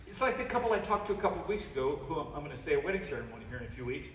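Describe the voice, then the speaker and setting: A man's voice: a little high, very animated, racing. A man preaching a sermon as guest pastor, mixing stories with playful asides and calling on the congregation to answer back aloud. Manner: calls on the congregation to respond aloud. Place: church sanctuary. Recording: echoey church hall, distant mic, background noise.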